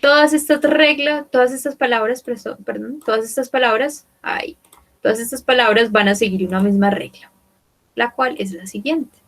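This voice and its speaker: A young adult woman teaching English online, mixing Spanish explanations with English words she repeats slowly twice. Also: on the high side. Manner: slow, repeats each word twice, checks with "¿ok?" and "¿sí?"; switches between Spanish and careful English.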